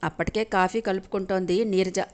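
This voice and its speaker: A woman narrating a scripted audio story with emotive, steady delivery. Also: medium pitch, a little fast.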